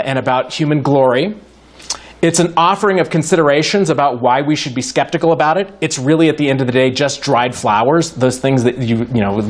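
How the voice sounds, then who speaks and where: Guy with a kinda high voice giving a lecture, wry jokes, lots of restarts and false starts. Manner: wry, joking, thinks aloud with many restarts. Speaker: guest lecturer in philosophy. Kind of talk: university lecture. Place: lecture hall with a live audience.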